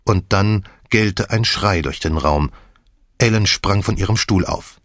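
A man narrating a crime novel in the first person with measured, even storytelling. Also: low voice, no echo, studio quality. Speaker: audiobook narrator.

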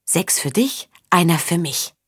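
A woman voicing an anxious, wry young man in a storybook reading, in a husky, lowish voice. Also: animated, measured pace, dry recording, studio quality, full character voice. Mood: nervous.

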